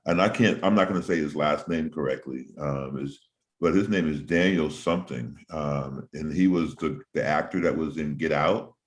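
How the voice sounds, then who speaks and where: Deep low-voiced guy hosting an interview, rambly and thoughtful, lots of um's. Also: moderate pace. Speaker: host. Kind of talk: casual interview chat.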